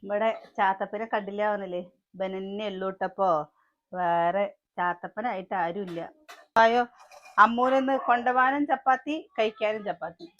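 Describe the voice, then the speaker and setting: A woman's voice: mid-range voice, fairly quick, a bit bright, dull audio. Chatty Malayali mother vlogging while cooking. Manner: chatty, talks to camera while cooking and calls to children. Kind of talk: casual home vlog narration. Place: home kitchen.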